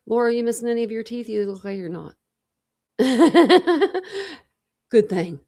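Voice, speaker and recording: Speaking a little slowly in a warm, very animated, fairly high voice, a young woman with a slight lisp hosts a true crime livestream. She's chatty and rambling, replying to comments from her viewers.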